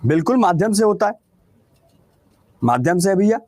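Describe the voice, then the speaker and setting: A man's voice: high voice, expressive, normal speed, a little mellow. A man with a Bihari Hindi accent teaching a class, who keeps asking questions and answering them himself. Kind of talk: classroom lecture.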